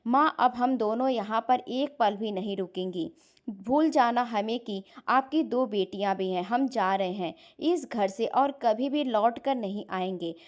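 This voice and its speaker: A woman voicing an angry young married daughter who shouts at her mother. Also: a little high, unhurried, lightly acted.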